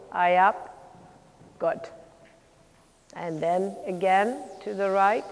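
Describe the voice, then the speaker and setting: Woman riding coach calling brisk commands, echoing hall. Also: medium pitch. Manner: brisk projected commands with encouragement and blunt corrections. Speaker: riding instructor, clinician. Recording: long echoing reverb of a large hall.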